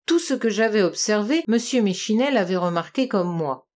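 Woman reading an old novel out loud, steady and expressive, mid pitch. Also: moderate pace. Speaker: narrator. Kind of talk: audiobook reading of a classic novel.

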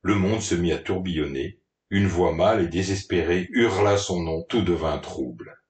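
A man's voice: low-pitched, moderate pace, a little mellow. A man narrating a story in a dramatic, mock-melodramatic reading style. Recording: roomy, distant from the mic.

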